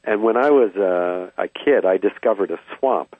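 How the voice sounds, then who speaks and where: Older man, husky, on a thin line. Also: fairly low pitch, dry recording. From Vancouver, Canada. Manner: reflective, hesitant with frequent pauses. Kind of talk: reminiscing about childhood. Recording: dry, tinny phone-like sound.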